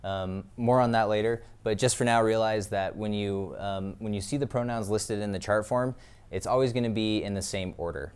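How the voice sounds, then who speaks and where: A man's voice: fairly low pitch, fairly even intonation, normal speed, a little mellow, clear, resonant tone. A man teaching Spanish pronouns in a lesson video, explaining patiently with many ums and uhs. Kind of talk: classroom lesson.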